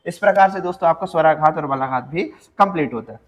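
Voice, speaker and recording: High-voiced male Hindi grammar teacher. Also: long reverb tail. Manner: addresses students as friends, asks and answers own questions; stretches out example words slowly for stress. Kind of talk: exam-prep lecture.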